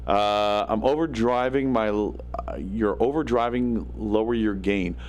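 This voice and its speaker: A man hosts a casual livestream from his home studio, speaking into a studio microphone in a gravelly, raspy, slightly nasal voice that's on the low side and a little slow. He rambles with plenty of fillers and self-deprecating asides, over a faint electrical hum from the equipment.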